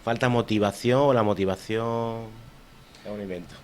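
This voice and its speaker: Andalusian man, deepish voice, local TV host putting questions, faint ambience. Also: fairly even intonation, normal speed, slight background noise. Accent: Andalusian Spanish. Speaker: TV interviewer. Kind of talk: TV interview questions. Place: local TV studio.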